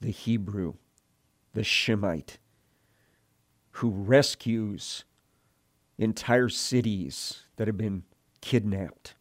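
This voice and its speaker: A man's voice: on the low side, extremely slow, long pauses. A man teaching from the Bible, reading scripture and retelling it in earnest, emotional storytelling.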